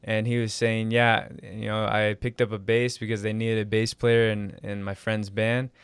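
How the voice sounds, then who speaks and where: A man's voice: lowish voice, little pitch movement, normal speed, clear, resonant tone, no room sound. A young man, a pastor co-hosting a podcast, praying earnestly and chatting in a small studio on a close mic. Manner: earnest, with frequent fillers in prayer. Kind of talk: prayer and casual podcast chat.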